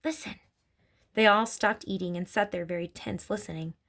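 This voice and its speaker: A woman reading a children's story aloud in an expressive storytelling manner. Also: lowish voice, a little fast. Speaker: narrator.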